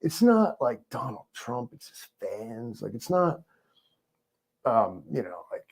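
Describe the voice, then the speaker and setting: A man talks as an interview guest, loose and rambling, full of fillers and sarcastic jokes. His voice is mellow and dark, sitting at an ordinary pitch for a man. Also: big pitch swings, slow, gravelly, husky. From New York. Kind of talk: casual interview chat.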